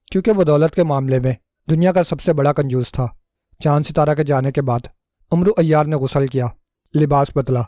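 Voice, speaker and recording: Male storyteller, measured scripted narration; mellow tone, dry close mic. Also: fairly high pitch, no room sound.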